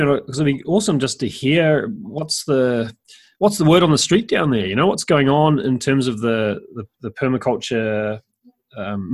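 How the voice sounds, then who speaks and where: A man hosting a podcast, introducing a guest and asking friendly, rambling questions. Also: medium pitch. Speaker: podcast host. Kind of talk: casual podcast interview.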